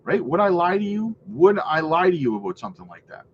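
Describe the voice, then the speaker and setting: Sing-song and fairly quick, a high-sitting male voice belongs to a crypto streamer with a stuffy cold who analyzes live charts and gives upbeat shout-outs to chat, often saying "right?" and "man." The sound is lo-fi with slight background noise.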